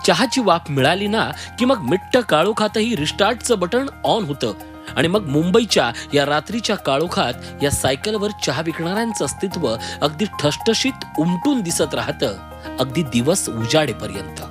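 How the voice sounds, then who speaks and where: A man's voice: on the high side, very animated, moderate pace. A male reporter reading a descriptive, lyrical news feature narration. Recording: voice-over with music bed.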